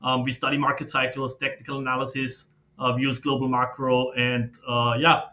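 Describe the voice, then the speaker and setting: A man, a podcast guest who explains his background in a steady, filler-laden way. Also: mid-range voice, normal speed. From Austria. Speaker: guest, fund manager. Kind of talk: casual interview talk. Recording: slightly dull lo-fi audio.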